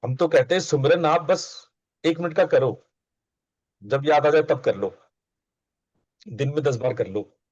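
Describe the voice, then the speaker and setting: A man's voice: a little high, unhurried, pauses often, a little mellow, no room sound. Male spiritual teacher, coaxing conversational discourse, repeats himself for emphasis; dry, dull recording.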